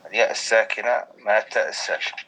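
A male student with a low voice and a bright, forceful tone answers haltingly. He works through his explanation step by step. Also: steady tone, poor audio.

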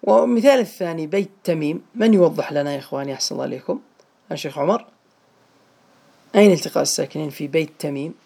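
A male teacher speaks quickly through a gravelly, creaky voice. He is patient with his students. He keeps asking questions to check that they follow. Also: fairly high pitch, mellow. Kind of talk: teaching a small online class.

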